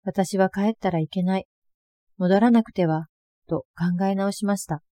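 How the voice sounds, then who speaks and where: An older woman reading her own first-person account aloud, in a steady, earnest storytelling manner. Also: mid-range voice, a little slow, no room sound. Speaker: narrator of a personal testimony.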